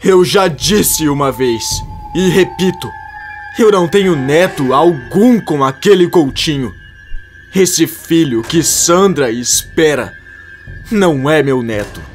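A man with a Brazilian accent voicing an angry older male farmer in a wheelchair, with a raised, shouting delivery. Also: mid-range voice, expressive, takes it slowly, soft background music. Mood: furious.

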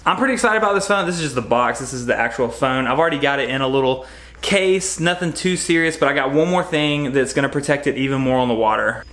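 A man in his thirties with a fairly high, slightly bright voice reviews gear in a laid-back home vlog. He's a fishing vlogger, cheerful and chatty, recorded on a nearby camera mic in his garage.

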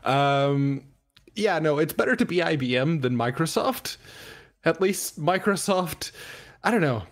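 Man, fairly high voice. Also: expressive, unhurried. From Portugal. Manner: rambling, hesitant with fillers. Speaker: podcast co-host. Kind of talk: casual chat.

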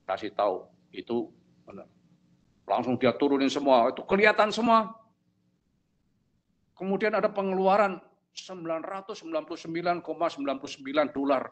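A man's voice: a little fast, pauses often. A man preaching a sermon as pastor, telling a story and acting out both sides of a conversation, often checking whether the congregation follows. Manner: storytelling preacher, acts out dialogue with lively pitch jumps; asks the congregation if they follow.

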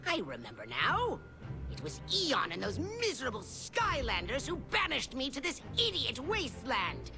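An actor playing a scheming little evil overlord in a game, shrill and theatrical, with game music behind. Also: male voice, huge pitch swings, moderate pace, full character voice.

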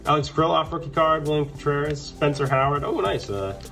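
A man's voice: a little high, fairly even intonation, brisk, gravelly, a bit bright. A man chatting casually as he opens trading card packs, calling out each card and getting upbeat at the good ones. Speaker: card collector opening packs. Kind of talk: casual pack-opening commentary. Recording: background music under the voice.

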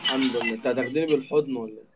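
A man's voice: mid-range voice, rapid-fire, music in the background. A man with an Egyptian accent and a cold, bantering on a live stream and urging viewers to tap and share. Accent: Egyptian Arabic. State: has a cold.

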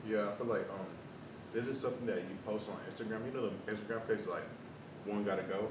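A man's voice: steady tone, fast talker. A man in his twenties with an American accent, chatting casually about food and chewing while talking. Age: 20s. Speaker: food reviewer. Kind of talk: casual food review chat. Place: small bare room at a table, indoors. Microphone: camera several feet away. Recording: echoey room, distant mic, clear rumbling noise.

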